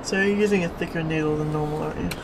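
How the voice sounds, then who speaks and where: A woman's voice: sits low, steady tone, rapid-fire. A woman filming from behind the camera, asking short curious questions and reacting. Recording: off-mic with outdoor noise.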